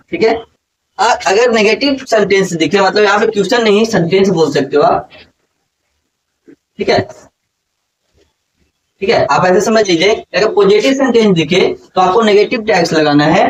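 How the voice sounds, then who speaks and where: A man teaching a grammar lesson to a classroom, often asking his students questions and repeating key points. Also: sits high. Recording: distant, light background noise.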